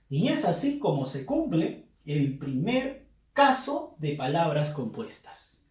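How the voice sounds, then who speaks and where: A man giving a Spanish spelling lesson, speaking slowly and with emphasis, like a teacher addressing his students. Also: high-pitched, a little mellow. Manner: slow, emphatic teaching delivery. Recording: echoey room.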